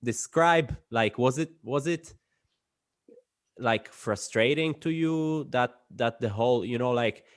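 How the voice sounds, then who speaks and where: A man's voice: medium pitch, slow pace, dry recording, clean studio sound. A man hosting a casual interview, putting informal questions and rephrasing them as he goes. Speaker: interviewer, host.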